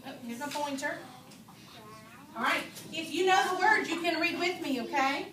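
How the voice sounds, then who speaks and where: Woman, teacher, high voice, slow expressive read-aloud, distant mic, echoey noisy classroom. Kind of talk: classroom shared reading aloud.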